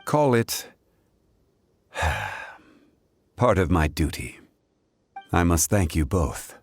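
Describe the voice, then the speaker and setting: Very deep, solemn ancient god. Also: male voice, sing-song, vocal fry, noisy background, heavily acted. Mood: calm, courteous. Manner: measured, formal, grave. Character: ancient male god, wise, solemn, reserved, weary. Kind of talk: dramatic video game dialogue.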